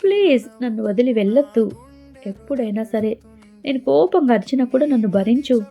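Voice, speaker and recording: A woman voicing a hot-tempered young man who shouts and pleads by turns, in a storybook reading. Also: on the high side, expressive, normal speed, gravelly. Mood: pleading. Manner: loud, scolding then pleading. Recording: dull lo-fi with faint music.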